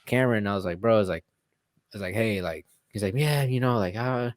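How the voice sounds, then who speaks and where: A man's voice: lowish voice, quick pace, dry recording, clean studio sound. A man guest in a casual interview, telling stories in a rambling way with lots of fillers and swearing. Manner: rambling, profane storytelling with many fillers. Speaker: guest fighter.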